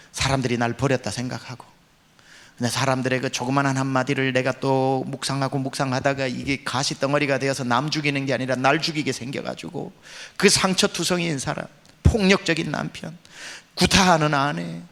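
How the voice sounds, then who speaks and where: A man's voice: medium pitch, a bit bright, in a large hall. A male senior pastor delivering a revival sermon, telling a story dramatically and acting out the voices he quotes. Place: church revival meeting.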